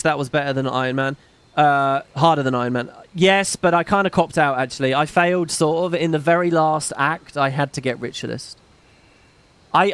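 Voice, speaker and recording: A gaming streamer with a faint British accent chats casually through donations, reading viewer comments aloud in a rambling, profane, self-deprecating way. His voice sits on the high side, and the recording has no echo.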